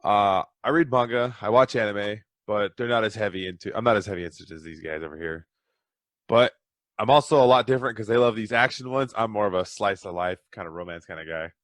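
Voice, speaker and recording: A man's voice: on the low side, brisk, fairly bright tone, no echo. A man chatting casually as a podcast guest, rambling through stories with a self-deprecating streak. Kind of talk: casual chat.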